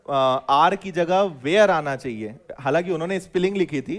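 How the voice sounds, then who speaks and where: A man teaching a class, in a chatty, joking manner, often asking his students questions. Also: a little high. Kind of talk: classroom lecture.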